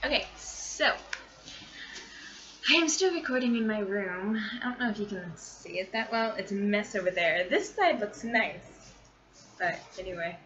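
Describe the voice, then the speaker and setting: With an expressive, unhurried voice of medium pitch and a fairly bright tone, a vlogger and amateur short story writer chats casually in her small bedroom. Her rambling is scattered, informal and self-deprecating, and the muffled audio carries the noise of a fan running.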